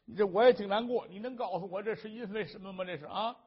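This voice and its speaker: A man's voice: high-pitched, husky, voice pushed up. A male storyteller voicing a doting scholar husband who coaxes and boasts to his weeping wife. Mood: coaxing. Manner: coaxing, blustering, quick-talking. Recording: dull lo-fi recording.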